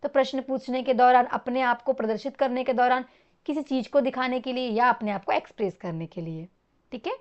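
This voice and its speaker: High-voiced woman teaching an exam-prep lesson. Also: fairly quick, darkish tone, muffled recording. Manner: explains with examples, frequent "ठीक है" checks.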